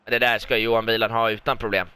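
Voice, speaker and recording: A young Swedish man doing lively mock football commentary over a video game, often breaking into excited shouts and repeated goal calls. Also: on the low side, clean tone. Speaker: gaming YouTuber commentating his own match.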